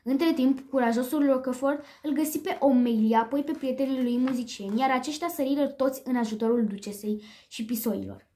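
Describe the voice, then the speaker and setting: High-voiced woman reading a children's story. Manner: lively read-aloud with small slips.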